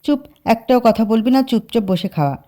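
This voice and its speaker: A woman's voice: a little high, expressive, brisk, warm tone, lightly acted. A woman voicing a stern, bossy, hot-tempered young man in a dramatized story reading. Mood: scolding. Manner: bossy, scolding.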